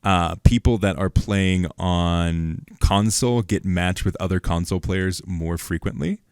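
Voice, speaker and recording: A man co-hosting a gaming podcast, talking in a relaxed, hesitant way with many ums. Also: low-pitched, measured pace, smooth, no room sound, clean studio sound. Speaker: podcast co-host. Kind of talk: casual chat.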